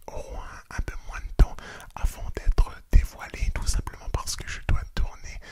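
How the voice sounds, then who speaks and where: A man hosting an ASMR channel, whispering throughout in an unhurried way, repeating phrases and often calling his listeners friends. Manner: unhurried, repeats phrases, some small restarts.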